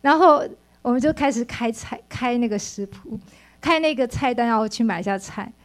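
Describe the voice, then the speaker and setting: A woman's voice: a little high, moderate pace. A middle-aged woman giving an earnest, emotional church testimony, often restarting her sentences. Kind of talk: personal faith testimony.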